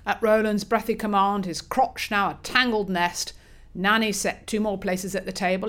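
A woman narrating a comic audiobook with brisk, crisp storytelling. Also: mid-range voice, fairly bright tone.

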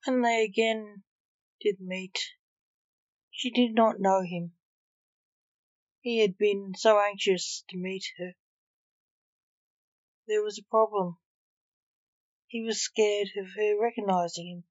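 Slow, measured woman narrator. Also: medium pitch, steady tone, a little mellow, no room sound, dull audio. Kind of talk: story reading.

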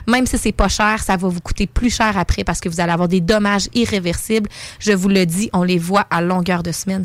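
A woman's voice: mid-range voice, no echo. Earnest Québécois woman giving warnings. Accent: Quebec French. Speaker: dental hygienist guest. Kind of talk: casual radio chat.

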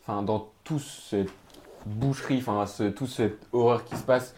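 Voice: medium pitch, a little slow, a little mellow, slight background noise. A podcast co-host talking animatedly about a film, in casual slang, who keeps checking in with the listeners.

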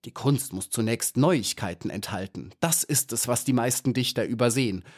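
A man's voice: mid-range voice, moderate pace, natural voice. A man doing a pompous little ladybird poet. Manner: grandiose, self-important, theatrical.

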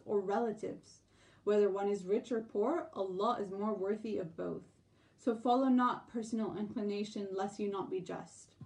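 A woman hosting a religious lesson podcast, gently explaining and reading translations and prayers aloud. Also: medium pitch, distant mic, low-quality recording. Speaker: podcast host.

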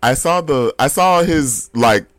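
A man co-hosting a podcast, chatting casually about comics and reacting with animated, high-pitched disbelief. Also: unhurried, no echo. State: hiccups. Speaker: podcast co-host. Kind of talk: casual comic book chat.

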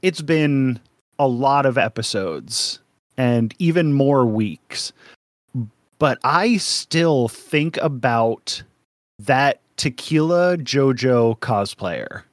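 Slow rambling podcast guy, dry close sound, laughs a lot. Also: medium pitch, animated, dry recording. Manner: rambling, laughs often, joking. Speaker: podcast co-host. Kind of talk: casual podcast chat.

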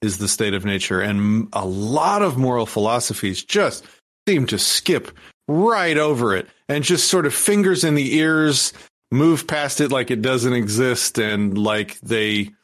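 A man's voice: mid-range voice, animated, a little slow, fairly bright tone. A man who is a guest on a podcast, explaining a topic in a rambling way with frequent restarts. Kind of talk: casual podcast conversation.

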